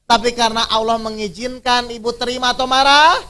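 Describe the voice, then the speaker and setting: A man's voice: extremely high pitch, steady tone, brisk, bright, forceful tone. A male preacher leading an interactive religious workshop, constantly quizzing his audience with questions and teasing them through everyday examples.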